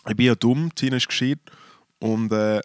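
A man's voice: medium pitch, normal speed, no room sound, studio quality. A young man chatting casually, teasing his co-host and laughing often. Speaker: podcast co-host. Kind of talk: casual chat.

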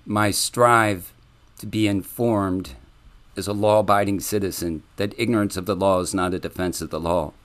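Male podcast host, lowish voice, earnest and legalistic, measured with frequent restarts. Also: fairly even intonation, fairly bright tone. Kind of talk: solo podcast monologue.

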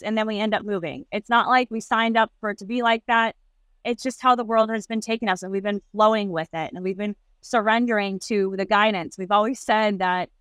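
A woman's voice: medium pitch, fairly bright tone, no echo. A woman in her thirties hosting a casual, motivational solo podcast, speaking earnestly and conversationally off the cuff into headphones used as a mic inside a moving truck. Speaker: podcast host, business owner.

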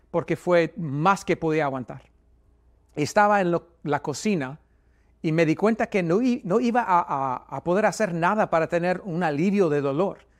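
A man giving a personal religious testimony, speaking haltingly with many repeated words and restarts, his voice rising when he recalls his anguish. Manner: voice rises higher and louder when recalling anguish.

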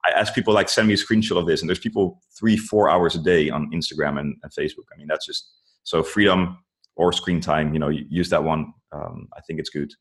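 This interview guest has an extremely low voice with fairly even intonation and a fairly quick delivery. Speaking casually, he gives earnest advice and keeps leaning on "like" and "you know."

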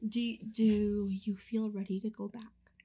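A young woman co-hosting a podcast in casual chat, playful and chatty with quick asides. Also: mid-range voice, little pitch movement, dark tone, slightly rough. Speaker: podcast co-host.

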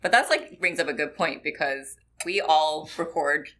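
A woman's voice: low-pitched, moderate pace, bright, forceful tone, slight background noise. Wry woman chatting in a studio. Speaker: podcast cast member. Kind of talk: casual chat. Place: podcast studio.

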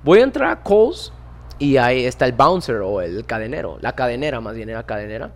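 A man in his twenties with a Mexican accent, a podcast guest telling a story in casual chat, animated, slangy and swearing often. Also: mid-range voice, brisk. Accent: Mexican Spanish. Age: 20s.

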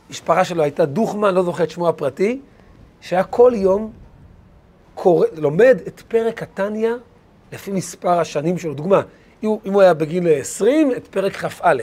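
A man, a rabbi, teaching a lesson through animated anecdotes, with hesitant fillers. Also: high-pitched. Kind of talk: storytelling lesson.

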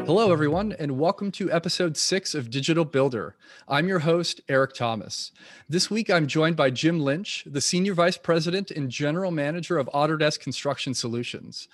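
A man's voice: fairly high pitch, a little fast, faint music behind. Man hosting a podcast interview. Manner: friendly, scripted introductions with some restarts. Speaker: podcast host.

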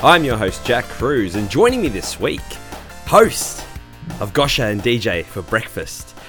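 Australian man announcing like a ringmaster, lively pitch. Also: unhurried, faint music behind. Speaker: podcast host. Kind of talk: scripted podcast introduction.

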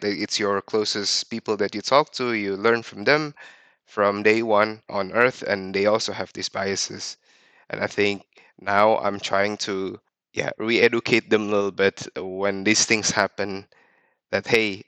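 A man's voice: lowish voice, a bit bright, no echo. A man in his thirties from Indonesia, telling personal stories as a podcast guest in a reflective way, often restarting his sentences. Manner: reflective, with frequent restarts and fillers. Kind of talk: personal storytelling.

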